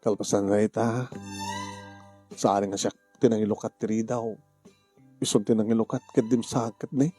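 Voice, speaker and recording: Casting: male lead for a radio-style drama, pleading and emotional, very dark, husky tone. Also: on the low side, flat delivery, moderate pace, long pauses, soft background music. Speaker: voice actor in a comedy drama.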